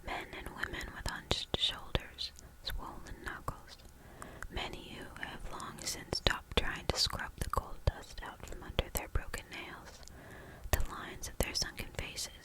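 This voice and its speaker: A woman reading a novel aloud for ASMR in a soft, hushed whisper, slow and deliberate. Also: rough recording.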